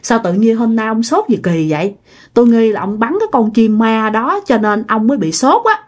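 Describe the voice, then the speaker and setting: A woman's voice: a little high, expressive, moderate pace, close to an everyday voice. A woman voicing an old, fretful great-grandmother who asks worried questions.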